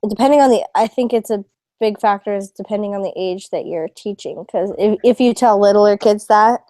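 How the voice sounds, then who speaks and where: Young woman, student, rambling, filler-heavy, mellow tone, dry close sound. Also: medium pitch, brisk, no echo. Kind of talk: casual group discussion.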